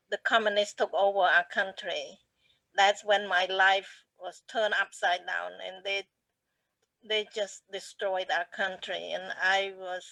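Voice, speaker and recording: A woman's voice: medium pitch, creaky, bright, forceful tone, no echo, rough recording. A woman tells her personal story as a guest speaker, earnest and often restarting her phrases. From Cambodia.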